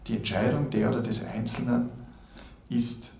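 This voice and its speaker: A man giving a reflective spoken lecture, measured and deliberate, building his points in long lists. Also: mid-range voice, fairly even intonation, vocal fry.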